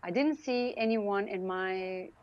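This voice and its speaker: A middle-aged Romanian-accented woman, founder and CEO, tells her own story as an interview guest in a mid-range, darkish voice at a slow pace. She's earnest and emphatic, repeating phrases for stress, on lo-fi sound.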